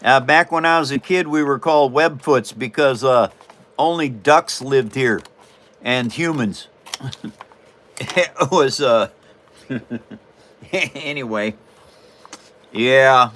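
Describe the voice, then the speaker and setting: A man's voice: mid-range voice, slow pace, long pauses, a bit bright, a little hiss or hum. A man from Washington State hosting a casual livestream while he builds a paper model, folksy and rambling with frequent chuckles. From Washington State, USA.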